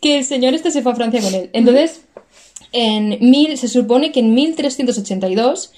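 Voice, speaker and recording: Chatty young woman, fairly high voice. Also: lively intonation, normal speed, mellow. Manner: chatty, laughs often, rambling storyteller with self-corrections. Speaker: podcast co-host telling a story. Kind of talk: casual chat.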